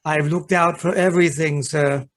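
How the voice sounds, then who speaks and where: In an amateur radio play, a man voices a valet who is polite and deferential but secretly treacherous. His fairly high, close-to-everyday voice keeps an even intonation at normal speed, delivered in a hesitant, nervous servant's manner.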